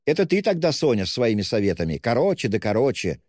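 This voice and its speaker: A man voicing a frantic, desperate impoverished widow with shrill, haughty outbursts in an audiobook. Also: big pitch swings, quick pace, a little mellow, dry recording, clean studio sound, long reverb tail. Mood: scolding. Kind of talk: audiobook character voice.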